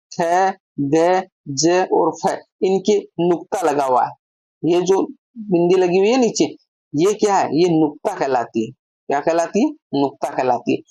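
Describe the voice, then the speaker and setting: A woman's voice: fairly low pitch, dark tone, dry recording. A woman teaching a grammar lesson, explaining step by step and answering her own questions.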